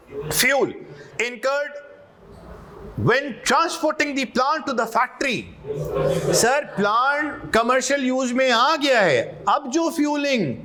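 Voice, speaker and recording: His very high voice pushed and bright, a male accounting lecturer teaches a class, weaving English terms into his explanations. He keeps quizzing students while teasing and joking with them.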